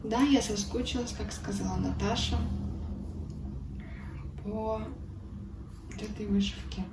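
At her table at home, a woman who vlogs about cross-stitch talks casually about her needlework in an unhurried, medium-pitched voice with fairly even intonation. She's chatty and a little hoarse, slipping into whispers and soft laughs, and the audio is echoey, distant-miked and noisy.

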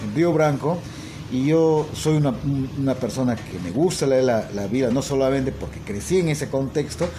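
Filming a casual selfie video in a small room, a man from Peru who teaches English and owns a language school holds his phone at arm's length and speaks at a medium pitch. He's hesitant, full of fillers and tag questions, and a constant background hiss sits under the audio.

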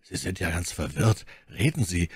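A man voicing a phlegmatic musketeer who speaks quietly and measuredly. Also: low-pitched, lively intonation, normal speed, husky, dry recording, studio quality, heavily acted. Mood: hushed. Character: calm, phlegmatic older musketeer, low and hushed.

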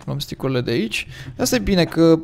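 A man with a Romanian accent chatting casually as he plays and thinks aloud, his voice a little hoarse from the early morning. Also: on the high side, big pitch swings, a little mellow. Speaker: gaming commentator. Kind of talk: casual gameplay commentary.

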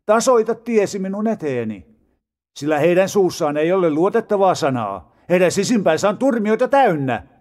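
A man reading psalms aloud in a solemn, measured way with dramatic rises and falls. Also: high-pitched, big pitch swings, darkish tone. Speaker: Bible reader. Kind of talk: scripted scripture reading.

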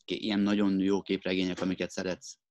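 Man, casual chat, lengthy explanations with dry wit; low voice, very dry recording. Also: monotone, a little mellow, no room sound.

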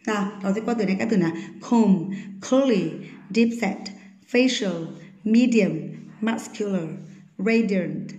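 A woman teaching an English vocabulary lesson. She reads English sentences slowly, explains them quickly and often asks her students check questions. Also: medium pitch, darkish tone, echoey room.

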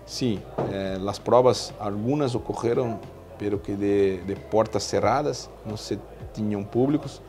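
Brazilian man speaking halting Spanish. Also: fairly low pitch, darkish tone, soft background music. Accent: Brazilian Portuguese. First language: Portuguese. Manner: halting, with many fillers and restarts. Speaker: veterinarian in equine nutrition. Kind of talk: interview answers. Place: indoor exhibition stand. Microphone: lapel.

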